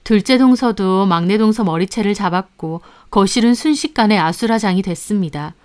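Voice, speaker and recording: A woman tells a family drama in the first person, narrating steadily and calmly. Her voice is smooth and clear at an ordinary pitch, with an even storytelling pace. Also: moderate pace. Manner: calm storytelling. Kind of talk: scripted narration.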